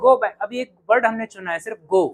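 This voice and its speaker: A man teaching English to a class, calling out phrases loudly for students to repeat in a drill. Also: sits high, fairly quick, a loud crowd. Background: students' voices.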